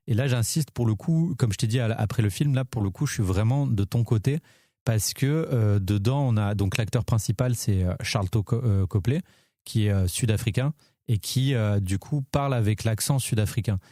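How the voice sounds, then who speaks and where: A man chatting casually on a film podcast with a mellow, warm tone. He talks eagerly, piling up fillers and restarts as he goes. The sound is dry and close. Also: lowish voice, moderate pace, dry recording. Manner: enthusiastic, many fillers and restarts. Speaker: podcast co-host.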